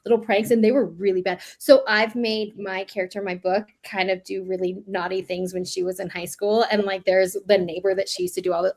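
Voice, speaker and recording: A woman's voice: mid-range voice, a little mellow. Chatty woman telling stories. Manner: chatty storyteller, many "like" fillers. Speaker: host. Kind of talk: casual chat.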